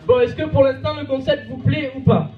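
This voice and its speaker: Young male host, high voice, teasing; far, echoey, muffled, crowd noise. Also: fairly quick. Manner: teasing, prods the audience for noise. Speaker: ceremony host. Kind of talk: joking live event hosting. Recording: distant dull sound in an echoey hall, crowd and music. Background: crowd and music.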